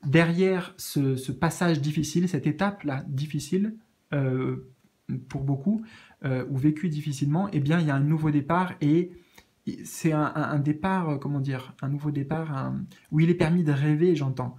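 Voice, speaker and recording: A man giving a casual spiritual card reading, gentle and reassuring, often hesitating and searching for words with many fillers. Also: on the high side, moderate pace. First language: French. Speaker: tarot card reader.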